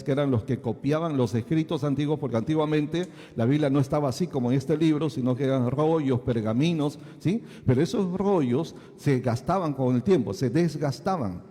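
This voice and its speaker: A male pastor delivers a teaching sermon in a fairly high, mellow voice. He keeps asking his listeners whether they follow. The sound carries a long reverb from the hall. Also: moderate pace, hardly any pauses. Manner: asks the congregation many checking questions.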